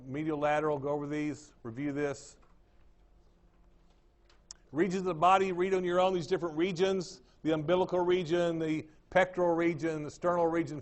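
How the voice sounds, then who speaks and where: A fairly high-voiced man with an East Texas drawl gives a classroom lecture. He repeats each term and keeps asking the room whether it makes sense. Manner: drawling, repeats terms, checks understanding with the class. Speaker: anatomy lecturer.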